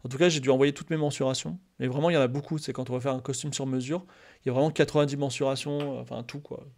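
A man in the mid range rattles along at a very fast clip while casually talking to his stream chat. He rambles, restarts often, leans on fillers, and gets animated when excited.

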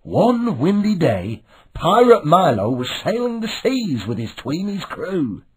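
Slow sing-song man reading a kids' story. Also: high-pitched, sing-song, a little mellow, husky, rough recording. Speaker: narrator. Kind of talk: reading a children's story aloud.

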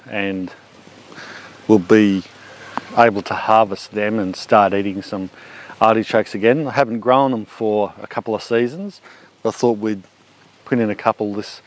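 A man in his forties with an Australian accent, casually showing his backyard food garden outdoors while walking, recorded on a handheld camera. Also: lowish voice. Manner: relaxed, chatty explaining while walking. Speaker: homesteading vlogger. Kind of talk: casual garden walk-through. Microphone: handheld action camera.

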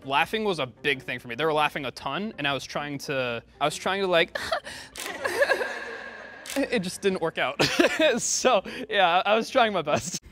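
A young man speaking in a confessional interview, soft and light, laughing often. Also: a little high, very animated, a little slow. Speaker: contestant in a confessional.

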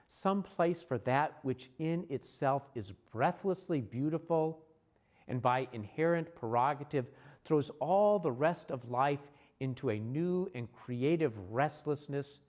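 A man, a church leader, giving a recorded sermon in a measured, earnest way, slowing down for repeated refrains. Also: mid-range voice, lively intonation, a little mellow.

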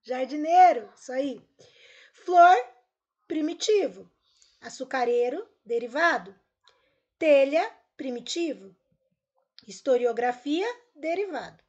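A woman's voice: sits high, slow, pauses often. A woman teacher with a Brazilian Portuguese accent, going over homework answers with her pupils in an upbeat recorded lesson. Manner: upbeat, lively, talks straight to pupils.

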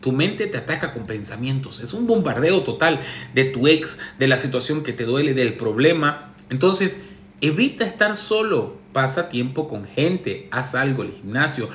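A man's voice: mid-range voice, sing-song, moderate pace, a bit bright, roomy sound, a little hiss or hum. A relationship coach, a man, reads viewer messages and answers them with sarcastic, teasing advice in a casual monologue.

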